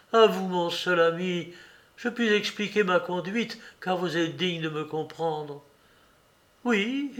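A man reading the part of a passionate, desperate young woman in an audiobook, pleading in a raised voice. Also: a bit bright. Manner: impassioned, pleading, raised pitch.

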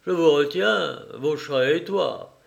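A man voicing a commanding, sardonic gentleman burglar in an audiobook reading, brisk and bossy with his accomplices. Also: on the high side, gravelly, muffled recording, heavily acted.

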